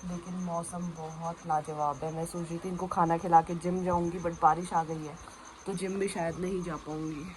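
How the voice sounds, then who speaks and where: Woman vlogger, low-pitched, hoarse and strained from a cold, chatty home-vlog delivery. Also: flat delivery, normal speed, a little mellow, a little hiss or hum, poor audio. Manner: chatty, talks to her dogs between remarks. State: hoarse from a sore throat. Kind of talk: casual vlog narration.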